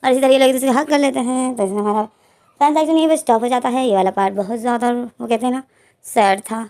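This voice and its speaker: Woman storyteller, casual retelling, slightly high, mellow tone. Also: quick pace. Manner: chatty, conversational narration. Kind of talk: casual fan-fiction retelling.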